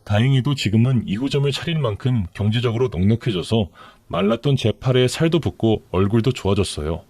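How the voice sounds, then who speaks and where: A man narrating a dramatic true-life story for radio, calm and matter-of-fact. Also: medium pitch, no room sound.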